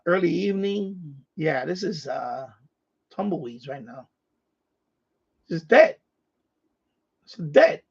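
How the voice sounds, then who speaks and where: Male live stream host, husky higher voice, chatty and muttering with louder radio calls, lo-fi sound. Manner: muttering to himself, with louder call-outs. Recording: dull, lo-fi sound.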